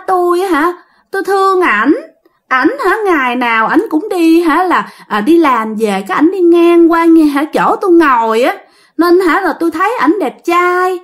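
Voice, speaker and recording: A woman's voice: very high-pitched, fairly bright tone, pitched above the performer's own voice. A woman voicing a coy, lovesick female ghost who speaks in an affected, mincing way.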